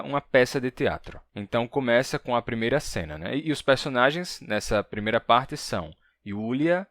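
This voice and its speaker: A man with a Brazilian Portuguese accent teaching a language lesson. He reads Latin slowly, with playful sound effects. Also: medium pitch, fairly bright tone, dry recording. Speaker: language teacher and channel host. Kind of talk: language lesson with a sponsor read.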